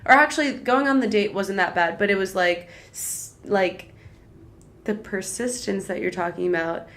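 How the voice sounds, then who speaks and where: A woman's voice: medium pitch, fairly bright tone. A young woman co-hosting a podcast, telling personal stories in casual chat with many "like"s. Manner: slow, drawn-out storytelling, lots of "like".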